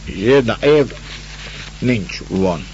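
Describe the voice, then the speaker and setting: A man puts on a drained, forlorn vagabond with a Russian accent, pitched a little above the narrator's own low voice, searching for each word in slow, broken phrases. The recording is dull and lo-fi, with a faint hiss under it. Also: lively intonation, darkish tone, lightly acted. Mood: weary. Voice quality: broken halting speech, slow pleading. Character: foreign male wanderer, gaunt, weary, forlorn.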